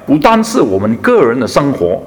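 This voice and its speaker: A man preaching a sermon as a pastor, talking in an unhurried, halting way with fillers and restarts. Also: mid-range voice, wildly swooping pitch. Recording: reverberant hall.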